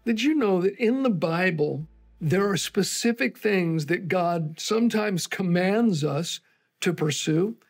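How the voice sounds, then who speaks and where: Gravelly earnest older male preacher. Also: high-pitched, animated, a little slow, faint music behind. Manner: earnest, conversational preaching with storytelling. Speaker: pastor. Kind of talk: televised Bible teaching.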